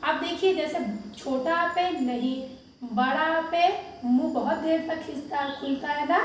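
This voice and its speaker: A woman primary school teacher giving an online lesson to young children, with slow, drawn-out word drills and some mild scolding about homework. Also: high voice, slight background noise. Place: home room, lockdown. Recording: echoey room, voice from a distance.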